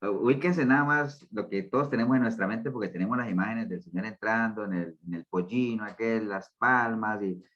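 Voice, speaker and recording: A man's voice: lowish voice, brisk, few pauses, dull audio. A man leading a Bible study group, teaching conversationally in loose phrases and checking in with listeners through frequent tag questions. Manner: talks in loose, restarting phrases.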